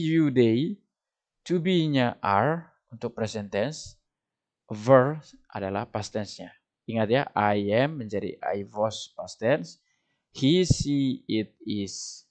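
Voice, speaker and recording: A young man with an Indonesian accent teaching an English grammar lesson, often loud and lively, repeating each point for beginners. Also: medium pitch. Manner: animated, swings of loudness, repeats points.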